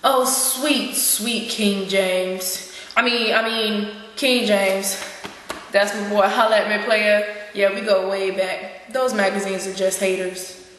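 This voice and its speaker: A slang-spouting male philosopher rants with indignant sass, as a woman acts him out in an amateur skit. The voice sits at a middle pitch. It comes from far across a hall with a long, heavy echo. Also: level tone, a little slow, a bit bright, a little hiss or hum, natural voice. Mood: sassy. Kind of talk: amateur skit role-play.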